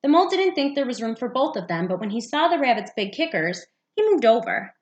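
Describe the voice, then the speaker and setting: Lady teacher reading a kids storybook out loud, voice a bit on the high side. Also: very animated, a little fast, muffled recording. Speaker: second-grade teacher. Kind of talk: read-aloud picture book narration for children.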